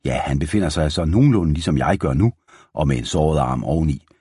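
A man voicing a rough male outlaw gang leader with a rusty voice, gloating and taunting. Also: rumbling low, expressive, dark tone, no echo, clean studio sound, exaggerated voice.

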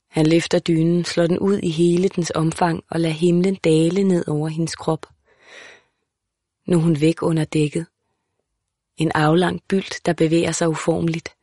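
A woman narrating a literary audiobook in a calm, measured, even way. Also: fairly low pitch, no echo.

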